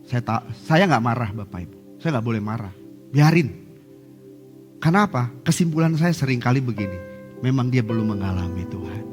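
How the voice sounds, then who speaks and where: A man preaching a sermon as pastor, lively and humorous, acting out quotes. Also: medium pitch, a little fast. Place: church hall. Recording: church service with hall reverb and faint music.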